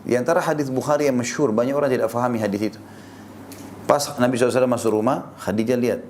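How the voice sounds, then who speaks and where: A man preaching a sermon in a lively, animated way, speaking directly to his listeners as friends and leaping up in pitch to stress a point. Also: racing, a little hiss or hum. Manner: lively, animated delivery with sudden rises in pitch for emphasis.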